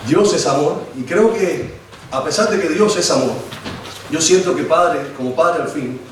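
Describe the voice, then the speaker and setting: A man in his forties from Cuba, a lay preacher, speaks a little high as he gives a sermon with prayer, hesitating and restarting often in an informal manner with a Cuban Spanish accent. The echoey church hall recording, made with a distant mic, carries a slight hiss or hum.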